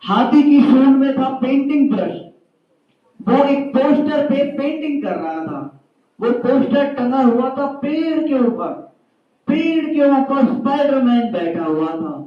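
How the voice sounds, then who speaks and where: High-pitched guy quizzing a room full of kids, far from the mic, big echo, muffled sound. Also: a little slow. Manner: lively, calls out questions to a class. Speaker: school speaker teaching children. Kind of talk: storytelling lesson to schoolchildren. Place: school hall. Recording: very echoey hall, distant, dull mic.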